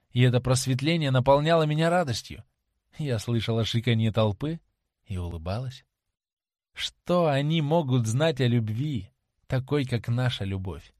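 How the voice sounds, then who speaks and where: A man reading as a lovesick young actress, pleading softly. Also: mid-range voice, dry recording, studio quality, close to an everyday voice. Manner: tender, dreamy and imploring, slowing on heartfelt phrases. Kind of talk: audiobook character reading.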